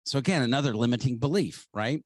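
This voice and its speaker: An enthusiastic man from Ohio, a guest on an interview show, recounting his career in a quick, animated storytelling flow. His voice sits at an ordinary middle pitch for a man. The recording is close and dry, with no room sound. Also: no echo. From Ohio, United States. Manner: animated, fast-moving storyteller. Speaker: podcast guest.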